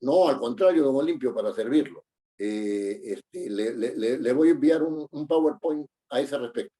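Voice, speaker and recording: A man's voice: medium pitch, lively intonation, normal speed, dark tone. A middle-aged man teaching a class, explaining patiently with many fillers and tag questions. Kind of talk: online class lecture.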